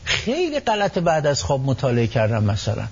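A man guest on a radio talk show, explaining his ideas in an animated way, often acting out what people say. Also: mid-range voice, muffled recording. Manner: animated storytelling, acts out quotes. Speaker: psychology expert guest.

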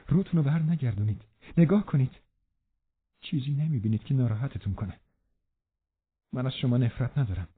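A man's voice: mid-range voice, slightly rough. A man reading aloud, voicing a desperate young woman who pleads and begs in an audiobook. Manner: pleading, imploring. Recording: narrow phone-like band.

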